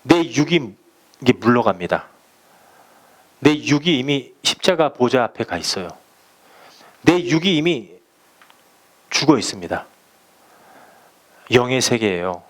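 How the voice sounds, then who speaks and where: A man preaching a sermon as pastor, speaking slowly and emphatically, and acting out little stories for his listeners. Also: mid-range voice, very animated. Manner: emphatic preaching, slow deliberate phrasing, acting out anecdotes.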